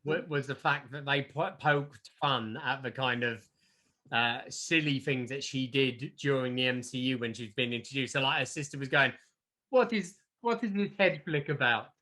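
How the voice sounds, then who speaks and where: A man's voice: mid-range voice, fairly even intonation, moderate pace, pushed and bright. A man co-hosting a podcast, chatting casually and enthusiastically, often trailing off with fillers. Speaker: podcast co-host. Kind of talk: casual chat.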